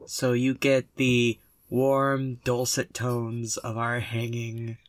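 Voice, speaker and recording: Slow-paced man podcasting inside a closet. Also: mid-range voice, monotone, dry recording. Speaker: podcast co-host. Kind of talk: casual podcast banter. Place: inside a clothes closet at home. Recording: close, dry closet sound.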